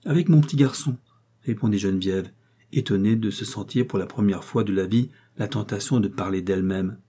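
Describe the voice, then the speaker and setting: Male narrator, audiobook reading, measured delivery, low voice, mellow tone. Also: fairly even intonation. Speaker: audiobook reader. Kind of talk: scripted narration of a novel.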